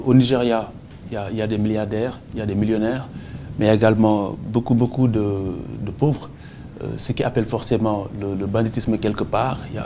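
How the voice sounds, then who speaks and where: A man interviewing a guest on television, asking long questions in a halting way. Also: lowish voice, background noise. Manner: hesitant, halting questions with fillers and restarts.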